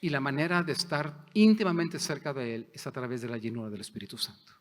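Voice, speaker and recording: A man's voice: mid-range voice, fast talker, slight background noise. Impassioned preacher man in a reverberant church. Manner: impassioned, swings between loud and hushed. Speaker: pastor. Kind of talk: sermon. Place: church sanctuary. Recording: long hall reverb.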